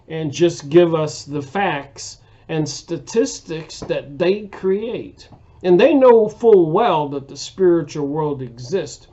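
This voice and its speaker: A man talks through a casual monologue at a slow, halting pace, stopping often for fillers and restarting his sentences. His voice sits a little high for a man. The recording sounds dull and lo-fi. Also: warm tone. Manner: rambling, hesitant, many fillers and restarts. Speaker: video host reviewing books.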